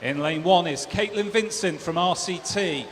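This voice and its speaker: A man's voice: high-pitched, moderate pace, a bit bright. A man working as a swim meet announcer, reading out formal race announcements over a public address system. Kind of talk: formal race announcing, listing lanes, names and results. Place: large indoor swimming pool hall. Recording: echoey hall PA, clear background noise.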